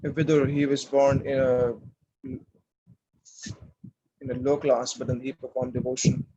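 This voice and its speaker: Halting man giving a devotional talk. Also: medium pitch, little pitch movement, dark tone, slightly rough, highs cut off. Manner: halting, repeats words while searching for phrasing. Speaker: speaker at a temple class.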